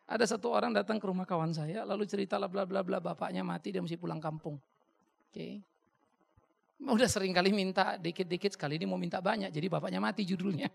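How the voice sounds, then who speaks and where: A middle-aged man, a pastor, answering a congregation question with blunt, lively stories and acted-out dialogue. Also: high voice, fast talker, vocal fry. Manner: blunt, animated storytelling with mimicked dialogue. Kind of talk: sermon Q&A, anecdotal. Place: church hall.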